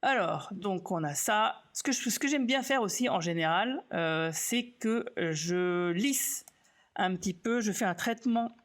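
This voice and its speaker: A man walking viewers through a software demo on a live stream, in a loose, unscripted way. He jokes at his own expense and thinks aloud, filling pauses with hesitations and restarts. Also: high-pitched. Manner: relaxed, self-mocking, thinks aloud with many fillers. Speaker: graphic designer teaching software on a live stream. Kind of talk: casual live tutorial.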